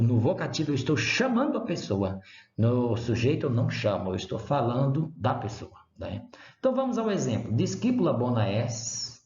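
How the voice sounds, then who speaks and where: Brazilian male professor, lively, in a roomy space. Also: on the high side. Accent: Brazilian Portuguese. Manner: didactic, repeats examples slowly, checks in with "né?" and "tá?". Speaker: university Latin professor. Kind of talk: recorded online lecture. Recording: roomy, dull lo-fi sound.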